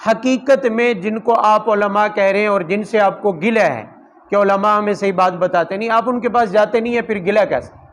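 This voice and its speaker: A man's voice: sits high, slight background noise, low-quality recording. A man, a Quran teacher and imam, giving a conversational sermon full of rhetorical questions and personal anecdotes. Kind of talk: Urdu Quran commentary sermon.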